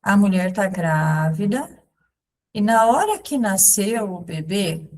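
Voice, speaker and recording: Slow-speaking woman catechist. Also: mid-range voice, lively intonation, darkish tone. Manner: slow, simple explanations with many pauses and examples. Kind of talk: catechism lesson, spoken alongside sign language.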